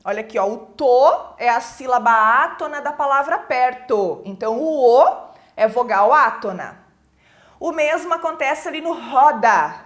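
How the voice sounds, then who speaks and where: High, lively Brazilian woman teacher. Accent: Brazilian Portuguese. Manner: explains slowly, asks "certo?" after each point and points at examples on the board. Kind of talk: recorded classroom lesson.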